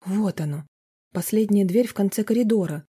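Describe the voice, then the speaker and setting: A narrator reading a romance novel aloud in a steady, even storytelling manner. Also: mid-range voice, moderate pace, husky, no room sound.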